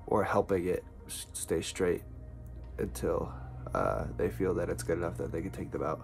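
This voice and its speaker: A man giving a casual, halting and matter-of-fact video diary update, sounding congested from nose packing. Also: sits low, lively intonation, vocal fry, faint music behind. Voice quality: congested, blocked nose from nose packing after surgery. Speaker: vlogger.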